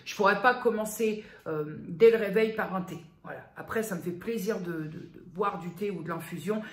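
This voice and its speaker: A woman vlogger chatting casually as she reads out product labels, often pausing with fillers. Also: medium pitch, roomy sound. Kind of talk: casual vlog unboxing.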